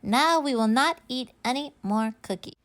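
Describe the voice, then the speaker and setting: Storybook frog, male, friendly and firm played by a woman; high, animated, slow and emphatic. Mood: resolute.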